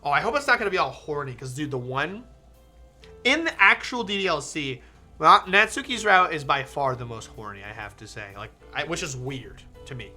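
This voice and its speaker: A game streamer chats casually with very lively, varied pitch and a bright tone. The talk rambles and doubles back on itself, sweary at times, with faint music underneath. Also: normal speed. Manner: animated, profane, rambling and self-interrupting. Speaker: gaming streamer reading a visual novel aloud. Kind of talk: casual, chatty game commentary.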